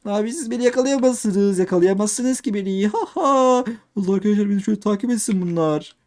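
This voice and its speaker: A young man doing excitable game commentary, repeating himself and talking straight to his viewers. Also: sits high, quick pace. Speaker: gaming youtuber. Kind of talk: let's play commentary.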